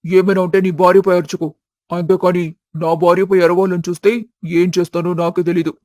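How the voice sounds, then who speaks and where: Woman doing a low chill middle-aged dad, teasing, dry mic. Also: flat delivery, brisk, darkish tone, no room sound, lightly acted. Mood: easygoing. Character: middle-aged father, easygoing husband. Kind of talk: storybook voice acting.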